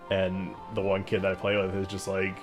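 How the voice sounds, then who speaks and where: A young man with a low voice streams a game and talks like a laid-back bro. His chat is casual, slangy and sweary. Faint music plays behind him. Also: monotone, a little fast, dull audio. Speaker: teacher. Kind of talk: casual live stream chat while gaming.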